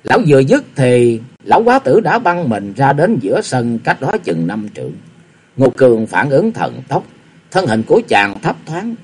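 A man narrating a martial-arts novel as an audiobook with steady, expressive reading. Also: mid-range voice, a little hiss or hum. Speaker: storyteller.

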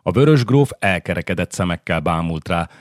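A man reading a historical novel aloud as audiobook narrator, with steady, measured storytelling. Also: deep voice, no echo, clean studio sound.

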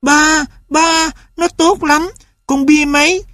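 Brief: man voicing an eager, pleading little boy for an audiobook, very high. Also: fairly even intonation, slow pace, pushed and bright, no room sound, clean studio sound, heavily acted. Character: young boy, pleading and adoring his dog.

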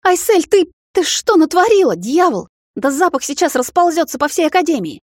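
A woman's voice: medium pitch, lively intonation, fairly quick, dry recording, clean studio sound, close to an everyday voice. A woman reading a cocky young vampire man. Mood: panicked. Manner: mocking, then frantic shouting. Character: smug young male vampire, cocky then panicky. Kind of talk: audiobook character reading.

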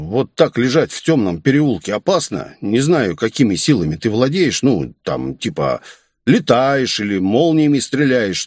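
A man's voice: medium pitch, darkish tone, no echo, clean studio sound. A man voicing a streetwise, kind young man who talks in loose slang. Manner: slangy, rambling and friendly.

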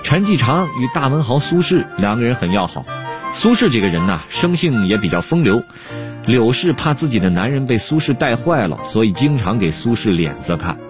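A man's voice: medium pitch, big pitch swings, normal speed. A man narrating an anecdote in a chatty storyteller's manner. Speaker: radio storyteller. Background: music.

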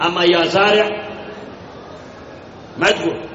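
A man's voice: high-pitched, steady tone, measured pace, a bit bright, a little hiss or hum. A man giving a sermon as a cleric, emphatic, repeating key words and asking his listeners questions. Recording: echoey hall, distant mic, lo-fi.

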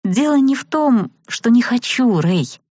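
A woman's voice: a little high, big pitch swings, unhurried, darkish tone, no room sound, lo-fi sound, pitched above the performer's own voice. A woman voicing a wry, weary young female student in an audiobook.

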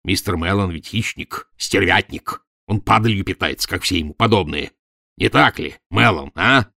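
Man plays domineering, sardonic professor, audiobook; low, booming growl. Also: moderate pace, creaky, bright, forceful tone, no room sound, studio quality, full character voice. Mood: gruff mocking. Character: gruff domineering mocking middle-aged professor. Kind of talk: audiobook character voice.

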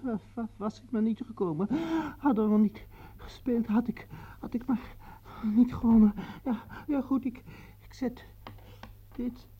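An actor in a radio play voicing an exhausted, defeated former foot specialist who stammers and pleads. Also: male voice, very high-pitched, fairly even intonation, unhurried, slightly rough, exaggerated voice. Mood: pleading. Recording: dull lo-fi old radio recording.

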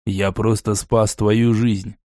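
A man voicing a calm, cunning male envoy who speaks in a low, quiet, insinuating, mentor-like tone. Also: slow pace, no echo, clean studio sound.

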